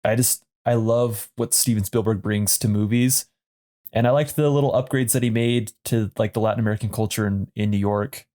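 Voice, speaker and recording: A man's voice: lowish voice, steady tone, a little fast, mellow. Hesitant man in a casual chat. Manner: thoughtful, hesitant, many fillers. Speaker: podcast co-host.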